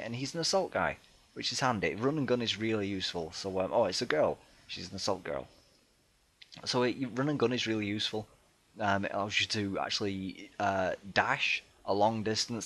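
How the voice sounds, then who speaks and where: A man with a somewhat low voice walks through a strategy game in casual commentary. He talks hesitantly, filling gaps with ums and restarting sentences. He pokes fun at himself in a chatty, easygoing way. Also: fairly bright tone. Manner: self-deprecating and chatty. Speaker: let's play gamer.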